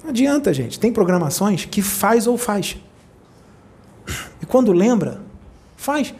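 A spiritual teacher gives a talk to a small group, telling stories animatedly and acting out the voices of the people in them with big jumps in pitch. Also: unhurried. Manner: animated storyteller, acts out quoted voices with big pitch leaps.

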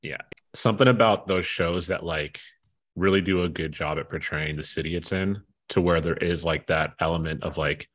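Male podcast host, low voice, laid-back, casual, lots of ums. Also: normal speed, fairly bright tone. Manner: laid-back, frequent "um" fillers. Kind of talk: casual chat.

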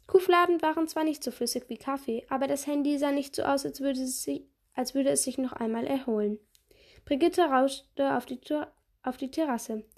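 High-voiced woman reading a kids' novel. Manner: steady reading with small slips and restarts. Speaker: podcast reader. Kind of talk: reading a children's novel aloud.

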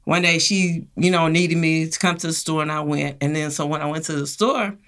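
A woman with a gravelly, fry-laden voice tells her own story as an interview guest. She brings a bright, forceful edge to it, slipping into the voices of the people she quotes and laughing as she talks. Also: deep voice, steady tone, fairly quick. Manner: acts out quoted voices, laughs while telling. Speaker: guest sharing her experience. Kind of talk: animated personal storytelling.

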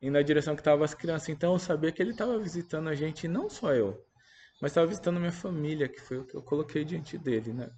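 A Brazilian Portuguese-speaking man giving a halting, earnest and reflective spoken testimony about a personal religious experience. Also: on the high side, darkish tone, highs cut off, a little hiss or hum. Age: adult parent.

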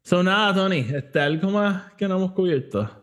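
Spanglish-speaking man with animated, swinging pitch. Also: moderate pace. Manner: Spanglish, switches between Spanish and English mid-sentence. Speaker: podcast host. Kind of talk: casual movie review chat.

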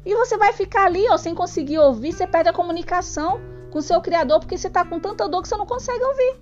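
Earnest high-voiced woman preaching. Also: expressive, fast. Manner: earnest, preachy, speaks straight to the listener. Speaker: podcast host. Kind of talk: spiritual self-help talk. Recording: dull lo-fi sound with faint music.

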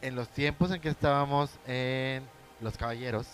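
A man's voice: mid-range voice, steady tone, normal speed, soft background music. A man in a casual chat, prompting the others to tell their stories. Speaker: actor.

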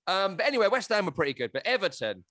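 A man hosting a football podcast, talking in an animated, joking and scathing way. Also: high-pitched, fast, dry recording, studio quality. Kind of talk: casual football chat.

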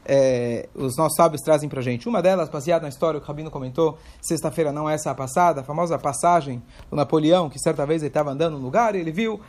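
High-voiced man teaching a Torah class. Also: fast, hardly any pauses, a little mellow. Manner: explains step by step, asks questions aloud. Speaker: religious teacher.

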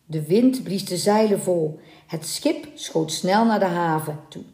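A woman reading a folk legend aloud in a calm, measured, dramatic storybook narration. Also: lowish voice. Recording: roomy echoing room.

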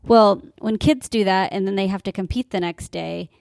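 A middle-aged woman with vocal fry, co-hosting a casual podcast chat as a mother of a young performer. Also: medium pitch, normal speed, a little mellow, dry recording, studio quality.

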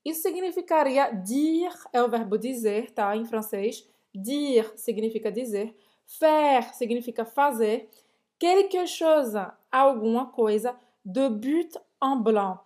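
Woman, fairly high voice, chatty co-host, podcast lesson. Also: animated, slow pace, a little mellow. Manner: chatty, asks follow-ups and explains in Portuguese.

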